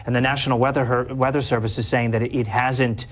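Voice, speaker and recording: A man's voice: medium pitch, flat delivery, fast talker. A man anchoring live storm coverage on television, describing developments as they come in. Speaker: TV news anchor.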